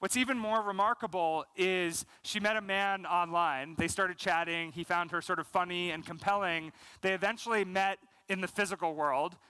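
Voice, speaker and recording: Speaking at normal speed with barely a pause, a thirty-something American man gives a keynote on a large conference stage in a high, clear, resonant voice. He's fluent but leans on "um" and "you know," gesturing energetically. The headset mic captures no echo, though the audio is poor.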